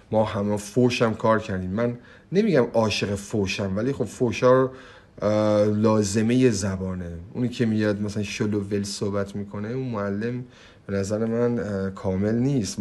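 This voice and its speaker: A young man teaching English online in a livestream. He talks in a brash, hyped way, swears freely, and drops in slow, emphatic English phrases. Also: fairly low pitch, a little mellow. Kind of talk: energetic livestream pitch and Q&A.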